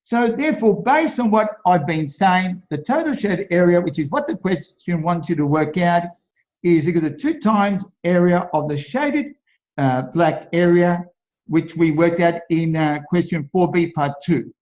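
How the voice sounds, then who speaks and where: An Australian man tutoring maths as he works through an exam solution, talking slowly and often repeating and restarting his phrases. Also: sits high, lively intonation, a little mellow. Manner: slow, repetitive, stops and restarts often. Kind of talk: worked exam solution walkthrough. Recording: dull lo-fi voice-over.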